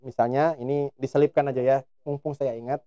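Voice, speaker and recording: A man teaching Quran recitation on a live stream, explaining calmly and chanting long drawn-out examples. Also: mid-range voice, dry recording, lo-fi sound.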